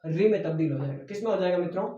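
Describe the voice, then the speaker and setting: High-voiced male teacher in an echoey room. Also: very fast, warm tone. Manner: repeats key words as questions to the class. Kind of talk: classroom lecture for exam preparation. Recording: echoey room, voice from a distance, dull sound.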